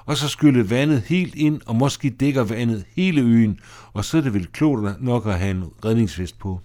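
A man's voice: medium pitch, a little mellow, close to an everyday voice. A man voicing a gloomy know-it-all man who lectures ominously in an audio drama.

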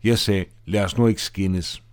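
A man's voice: low voice, clean tone, lightly acted. A man reading aloud as a mischievous, playful boy. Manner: playful and excited. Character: mischievous boy who likes to tease.

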